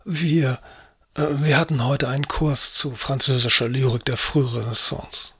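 A man doing a hesitant, hushed lover. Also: mid-range voice, measured pace, slightly rough, full character voice. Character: nervous middle-aged male lover, evasive. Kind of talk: audiobook acting.

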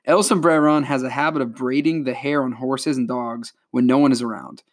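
A man's voice: medium pitch, fairly quick. A man co-hosting a casual podcast chat, reading out folk legends and joking along the way. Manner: joking, animated storytelling. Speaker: podcast co-host.

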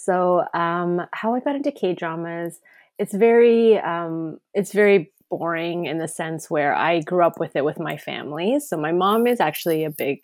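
A woman's voice: on the low side, a little mellow, dry recording, studio quality. A woman, a podcast guest chatting casually, with many fillers and restarts. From Canada. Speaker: guest, K-drama writer.

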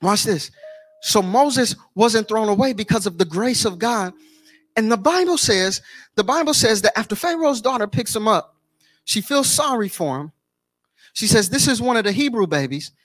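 A man's voice: high-pitched, expressive, moderate pace, fairly bright tone, dry recording. Male preacher, rhythmic repetitive sermon delivery, dry close sound. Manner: repetitive, rhythmic preaching with call-outs to the congregation. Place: church.

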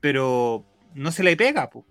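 A man with a Chilean accent chatting on a panel, slangy and quick with asides. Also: medium pitch, big pitch swings, fairly bright tone, no echo, soft background music. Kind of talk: casual panel chat.

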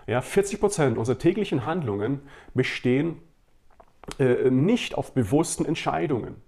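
A man's voice: medium pitch, warm tone. A male pastor giving a sermon, talking conversationally to his listeners with many fillers and direct questions.

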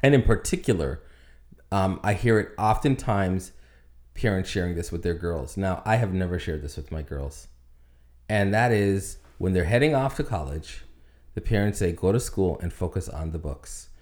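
Middle-aged male podcast co-host, lower register, earnest and explanatory delivery. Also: normal speed, darkish tone. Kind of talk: casual advice chat.

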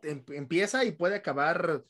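A man with a Mexican accent hosts a casual podcast conversation. He talks in a relaxed, slangy way, often agreeing with his guest. His voice sits a little higher than most men's. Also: normal speed. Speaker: podcast host. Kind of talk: casual chat.

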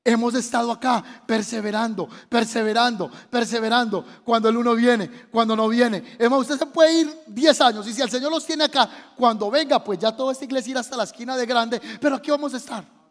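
A male pastor with a Colombian accent delivers a sermon in a strikingly high voice. He repeats his key words and keeps asking the congregation questions. His voice rings out with a long hall reverb. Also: a little fast. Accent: Colombian Spanish. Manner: preaching with call-and-response questions and repetition. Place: church.

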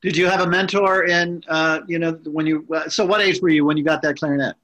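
A man's voice: fairly high pitch, steady tone, fairly quick, a bit bright. A man hosting an interview podcast who asks long, rambling questions with many restarts. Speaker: host and interviewer.

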